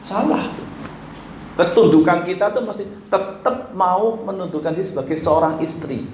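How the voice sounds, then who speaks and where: A man's voice: high voice, moderate pace, a little mellow. A man preaching a sermon as pastor, emphatic, asking rhetorical questions, with an Indonesian accent. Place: church hall. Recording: echoey church room, faint background noise.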